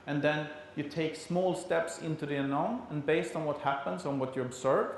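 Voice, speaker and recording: A man from Sweden with a Swedish accent gives an explanatory conference presentation in a halting delivery, as a non-native speaker. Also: fairly high pitch, gravelly. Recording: very echoey room, faint background noise.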